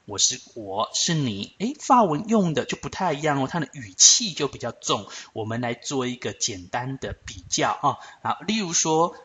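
Lively man teaching grammar. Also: mid-range voice. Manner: patient, explanatory, addresses students directly with frequent check-ins; slows down to spell out French forms. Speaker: French teacher. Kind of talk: recorded grammar lesson.

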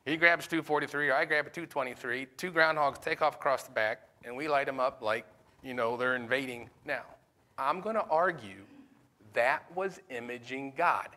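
Bright-voiced pastor quizzing his class. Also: mid-range voice, normal speed. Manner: questions the class often; conversational, with fillers. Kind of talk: Sunday school teaching.

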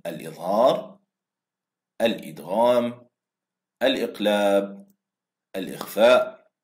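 A man teaching a recorded Quran recitation lesson, drawing out example words slowly for students to repeat and praising answers. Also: lowish voice, reverberant.

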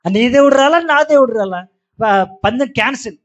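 A man's voice: very high-pitched, lively intonation, moderate pace, voice pushed up. Guy doing tired false prophets moaning and pleading, kinda muffled. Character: weary defeated group of false prophets.

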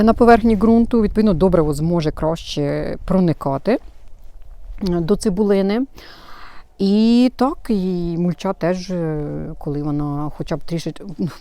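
Filming herself on camera out in her flower bed, a woman with a mellow, lowish voice hosts a gardening channel. Her casual how-to explanations are chatty and hesitant, full of fillers.

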